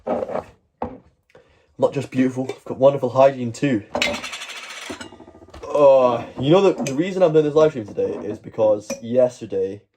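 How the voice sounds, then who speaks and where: A man's voice: mid-range voice, moderate pace, long pauses, noisy background. A Scottish man chatting casually on a livestream, rambling along with jokey mock-boasting. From Scotland. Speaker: live streamer. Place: at home, moving between outdoors and indoors.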